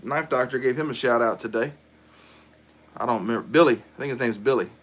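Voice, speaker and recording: A man's voice: medium pitch, fairly quick, a bit bright. Chatty man on a livestream. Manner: chatty, answers viewer comments aloud. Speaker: livestream host. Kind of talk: casual livestream chat.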